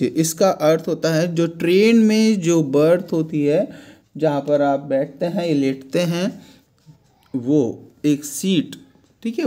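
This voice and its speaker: Male teacher, slightly high, mellow voice, slow and repetitive vocabulary lesson. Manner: explains word meanings slowly and repeats words. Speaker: English teacher.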